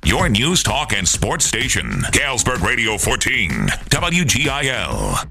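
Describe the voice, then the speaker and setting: A man with a gravelly voice announces a station ID in a drawn-out, sweeping style. His pitch swings widely. The sound is taped off the radio, with his voice set back from the mic and loud music behind him. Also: wildly swooping pitch. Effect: heard as a radio broadcast, taped off the air. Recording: distant voice over music off the radio.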